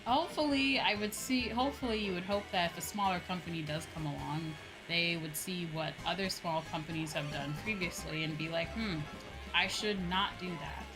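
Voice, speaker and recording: This is a female VTuber's gaming livestream, recorded roughly, with video game music behind her. Her voice sits on the low side and moves at a normal speed as she shares opinions casually, swearing a bit and leaning on tag questions.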